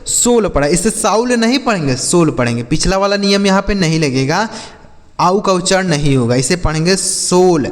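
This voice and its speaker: A man teaching English reading who spells words out letter by letter, sounds them slowly, and keeps quizzing his viewers, whom he calls friends. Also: high-pitched, big-room sound. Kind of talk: spoken phonics lesson.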